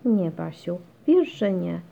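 A woman reading a children's storybook, voicing a tired but patient mother who stays gently firm. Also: fairly low pitch, very animated, slow, gravelly, exaggerated voice. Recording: dull lo-fi recording.

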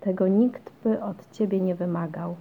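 A woman's voice: on the low side, steady tone, normal speed. A woman playing a weary, patient mom. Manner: patient and weary, gently firm. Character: tired, patient mother of three. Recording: dull lo-fi recording.

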